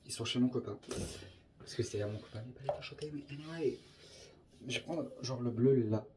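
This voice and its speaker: A young man rambles through a casual makeup tutorial, his voice sitting at an ordinary middle pitch. He keeps slipping English filler words into his chat. Faint background noise sits under the recording. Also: fairly quick. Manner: chatty, scattered, peppered with English filler words. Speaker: makeup vlogger.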